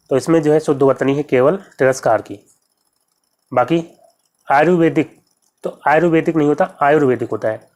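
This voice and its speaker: A patient teacher talks through a set of practice questions, voice sitting at an ordinary middle pitch. Each question and its choices are read out, then the correct answer is explained step by step, with key terms repeated slowly. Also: a little mellow. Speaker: exam-prep teacher. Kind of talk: exam-prep lesson.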